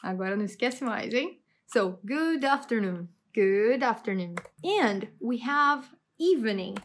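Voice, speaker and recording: Woman, English teacher, enthusiastic, fairly high voice. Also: slow, a little hiss or hum. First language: Portuguese. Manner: lively, enthusiastic, switches between languages. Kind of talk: bilingual English lesson.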